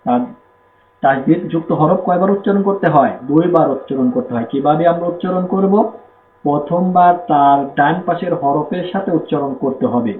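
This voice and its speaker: Bangladeshi guy drilling students on letters, repeats stuff slowly, faint hiss behind. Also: a little high. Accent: Bangladeshi Bengali. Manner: repeats rules slowly, asks and answers own questions. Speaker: Quran reading teacher. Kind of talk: step-by-step lesson with spelled-out drills. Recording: echoey room, tinny phone-like sound, faint noise.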